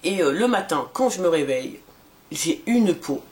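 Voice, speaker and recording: A woman's voice: on the low side, lively intonation, normal speed, a little mellow. A woman in her forties casually reviewing a skincare serum for her vlog, talking with many fillers and restarts. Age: 40s. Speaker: beauty vlogger.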